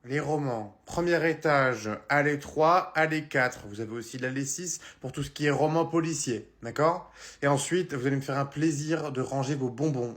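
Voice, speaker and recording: A man's voice: fairly high pitch, a bit bright, natural voice. A cranky librarian, played by a man who barks short orders and brushes people off. His talk is curt and fed up. Comic sketch delivery. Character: cranky male librarian, rude and impatient.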